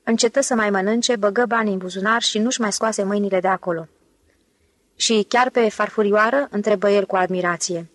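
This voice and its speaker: A woman narrating an audiobook in an even, measured reading voice. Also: mid-range voice, dry recording. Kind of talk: scripted narration.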